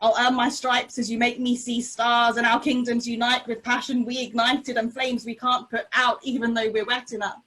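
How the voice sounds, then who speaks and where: A woman slam poet performing spoken-word poetry with a deliberate, rhythmic, intense delivery. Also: a little high, little pitch movement, a bit bright, low-quality recording. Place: remote online video call.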